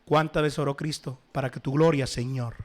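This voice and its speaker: A man preaching a sermon to his congregation, swinging between loud exhortation and soft asides. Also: medium pitch, fairly even intonation, a little fast. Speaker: pastor.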